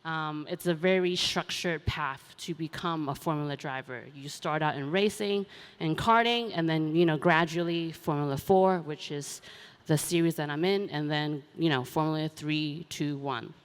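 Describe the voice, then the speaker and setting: A young woman from Hong Kong talks casually on a conference stage, filling her sentences with "um" and "you know." Her voice is smooth and clear and sits a little low. Her words ring with the long reverb of a large hall. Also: normal speed. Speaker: panel speaker, racing driver. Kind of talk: conference panel talk.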